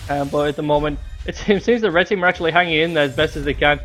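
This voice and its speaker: A young man shoutcasts an online game match from his room, still catching his breath after a dash up the stairs. His voice sits a touch high, and he rambles through fillers and restarts. Faint music plays underneath. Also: racing. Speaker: shoutcaster and streamer. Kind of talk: live game commentary.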